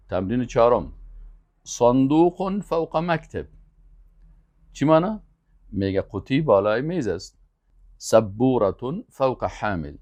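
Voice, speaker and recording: A man teaching Arabic, repeating each word slowly and emphatically, then adding quick explanations. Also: medium pitch, darkish tone. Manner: slow, emphatic word-by-word repetition with quick asides. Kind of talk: language lesson, drilling vocabulary.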